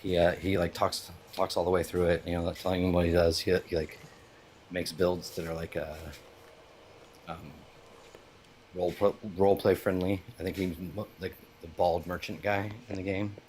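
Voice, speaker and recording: A man's voice: low-pitched, level tone, moderate pace, darkish tone, slight background noise. A man calling in to chat and debate, talking hesitantly with many fillers and a dry manner. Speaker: caller. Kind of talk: casual call-in chat and debate.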